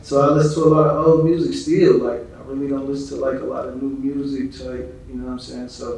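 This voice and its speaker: This interview guest, a Chicago rap artist, speaks fast in a mid-range, flat voice that's creaky and a little mellow. His casual talk is slangy and profane, full of "you know what I'm saying" tags, and he's captured far from the mic in an echoey room.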